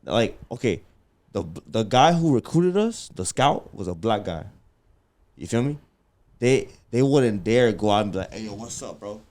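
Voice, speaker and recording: A man's voice: on the low side, lively intonation, unhurried, a little mellow. A man co-hosting a podcast in casual slangy chat, talking with a mild stutter and repeating himself a lot. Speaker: podcast co-host.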